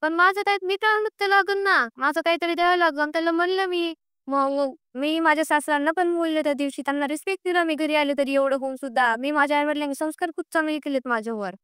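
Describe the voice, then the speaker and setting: Fast and high-pitched, with a fairly bright tone, a young woman pleads insistently about a grievance on a recorded private phone call. The emotional conversation has her sounding aggrieved and repeating herself, recorded as clean studio sound without echo.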